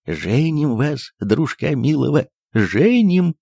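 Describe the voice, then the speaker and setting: A man voicing a fussy, sentimental elderly postmaster who speaks low and coaxingly, dropping into whispers. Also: big pitch swings, normal speed, creaky, warm tone, slightly rough, dry recording, studio quality, full character voice. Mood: teasing.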